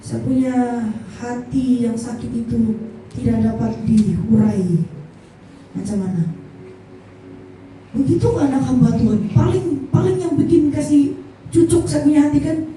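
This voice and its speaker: A woman's voice: sits high, mellow. Woman giving an emotional church testimony. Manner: emotional, halting, earnest, slows to stress words. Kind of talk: personal testimony at a church service. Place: large echoey church hall. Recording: echoey hall from far off, faint noise.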